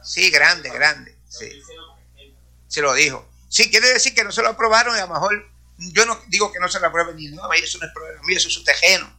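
A man speaks to a congregation in a testimony-style sermon, sprinkling hallelujahs and praise between his sentences. His voice sits high for a man, with a sharp, very bright edge. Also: fairly quick. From Puerto Rico. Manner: peppers speech with hallelujahs and praise. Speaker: church speaker.

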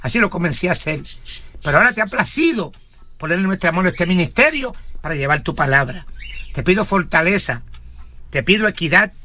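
Male radio preacher, fervent, high and bright tone. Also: slight background noise. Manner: fervent, frequent interjections of praise. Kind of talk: radio sermon and prayer.

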